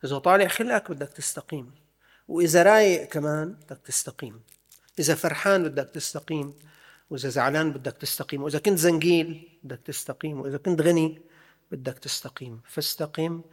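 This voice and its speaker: A man's voice: a little high, quick pace. A man giving a religious lesson, emphatic and full of repeated rhetorical questions. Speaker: religious teacher.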